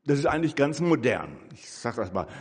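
Older man preaching, husky and lively. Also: mid-range voice, brisk. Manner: conversational, with rising emphatic bursts. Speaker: lay preacher. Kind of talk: sermon. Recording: echoey hall.

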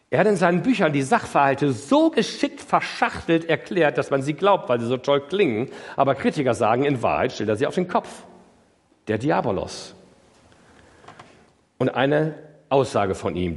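Man, preacher, sermon, lively swinging pitch, long hall reverb. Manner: emphatic, swings from loud high outbursts to low quiet asides; addresses listeners directly with rhetorical questions.

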